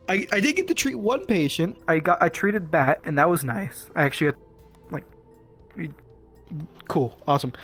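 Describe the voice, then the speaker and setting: A man telling a rambling, halting story in a casual group chat. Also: a little high. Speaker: roleplayer, medic player.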